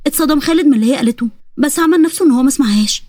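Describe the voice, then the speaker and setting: A woman with an Egyptian accent narrating a family story in a brisk, lively way. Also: high voice, no echo. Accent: Egyptian Arabic.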